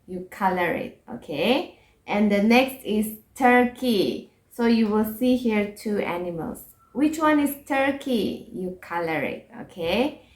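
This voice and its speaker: Slow, patient woman teaching children. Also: medium pitch. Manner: patient, repeats words slowly, checks with "okay?" and "right?". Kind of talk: children's English lesson. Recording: echoey room.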